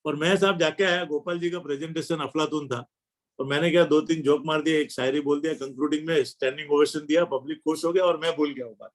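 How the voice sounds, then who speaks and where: Man, middle-aged, guest speaker; anecdotal, acts out dialogue, voice sits a little high. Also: steady tone, fast talker. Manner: storytelling, acting out dialogue. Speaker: guest speaker at a club meeting. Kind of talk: anecdotal speech. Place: meeting hall.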